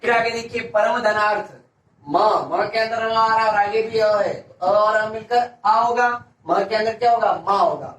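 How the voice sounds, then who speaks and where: A male teacher with a high, fairly bright voice, fairly even intonation and normal pace gives a classroom-style grammar lesson. He asks a question, answers it himself and repeats each answer. The recording has an echoey room, distant voice and faint hiss.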